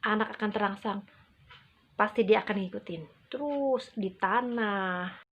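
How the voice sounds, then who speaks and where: A woman teaches parents in a slow, medium-pitched voice. She over-enunciates, setting each phrase apart with emphasis and small pauses. The recording is dull and slightly lo-fi. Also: slightly rough. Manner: acts out parent and child quotes. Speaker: early childhood educator. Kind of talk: instructional talk to parents. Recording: muffled, dull lo-fi audio.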